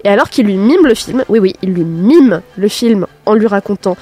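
A woman's voice: mid-range voice, animated, normal speed, dark tone, breathy edge. A woman presenting a film segment in a prepared but conversational style.

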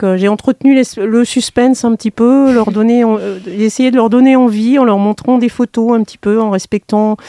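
A woman's voice: medium pitch, warm tone, dry recording, studio quality. A woman teacher being interviewed about a school trip, talking with many fillers and restarts. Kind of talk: radio interview.

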